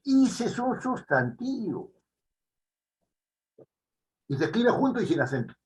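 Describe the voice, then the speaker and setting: A man with a Peruvian Spanish accent teaches grammar, his voice sitting high and swinging widely in pitch. He leans on tag questions and drives points home with emphasis. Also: big pitch swings, takes it slowly, rough recording. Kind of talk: online writing lesson.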